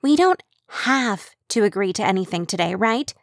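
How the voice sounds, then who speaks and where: A woman voicing an anxious, rule-bound young woman who speaks in a squeaky, apologetic way. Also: expressive, normal speed, gravelly, no room sound, studio quality. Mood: fretful. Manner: fretful, apologetic, rising to indignant.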